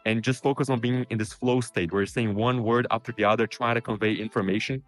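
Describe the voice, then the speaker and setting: With faint music behind him, a Brazilian man whose first language is Portuguese gives informal career advice to camera. He has a mid-range voice with fairly even intonation, speaking rapidly and dropping frequent "you know" fillers.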